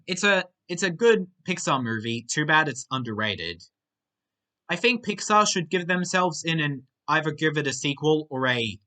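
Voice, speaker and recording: A young man in early adulthood hosts a relaxed Q&A video, reading viewer questions aloud and giving short, plain answers to each. His voice is very bright and sharp, with pitch that shifts a lot.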